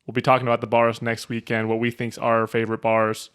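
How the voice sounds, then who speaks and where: A man co-hosts a laid-back chat show. He chuckles and talks informally, addressing viewers directly. His voice sits at an ordinary pitch for a man. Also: completely flat delivery, fast, a bit bright, clean tone. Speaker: podcast co-host. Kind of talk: casual chat.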